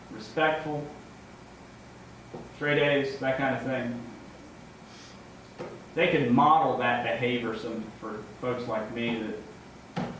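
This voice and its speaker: A man giving an informal, conversational sermon as a lay preacher, in a halting way with repeated words and checking tags. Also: mid-range voice, fairly bright tone. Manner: ends points with checking tags like "right?" and "okay?". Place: large echoing indoor room, before a congregation. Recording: very echoey room, distant mic, faint noise.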